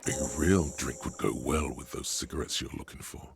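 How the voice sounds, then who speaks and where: A man voicing a wry, deep-voiced narrator in a video game. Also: normal speed, noisy background, full character voice. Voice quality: very deep, gravelly and husky.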